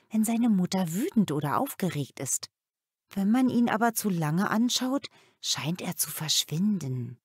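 A woman narrating a children's audiobook in a steady storytelling manner, recorded close and dry. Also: deep voice, husky, no echo.

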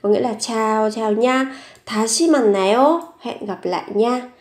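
A woman who teaches Korean phrases, repeating each one slowly and then explaining it. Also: on the high side. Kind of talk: bilingual language lesson.

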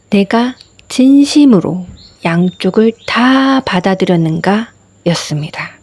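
Mom telling her own story, soft and earnest, drops into whispers sometimes, just talking to the camera. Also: mid-range voice, slightly rough. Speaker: vlogger sharing a personal meditation story; mother and wife. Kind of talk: reflective personal narration.

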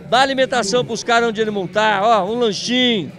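A man's voice: high voice, fairly quick, fairly bright tone, faint music behind. A middle-aged Brazilian man presenting live from a rodeo like a hyped, emphatic announcer, talking into a handheld microphone. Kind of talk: live event reporting and interviews. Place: at a rodeo festival, in booths and outdoor stalls.

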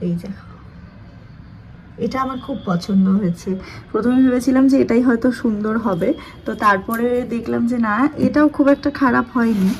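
A hoarse woman with a sore throat from West Bengal, India, chatting casually in a home vlog and speaking softly to spare her voice. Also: on the high side, brisk, a little hiss or hum. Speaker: vlogger.

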